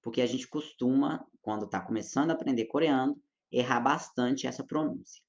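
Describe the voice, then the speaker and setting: A Brazilian Portuguese-accented man gives a Korean pronunciation lesson. He speaks at a middle pitch and explains patiently, repeating example words slowly. The recording sounds a little dull and lo-fi. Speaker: Korean language teacher.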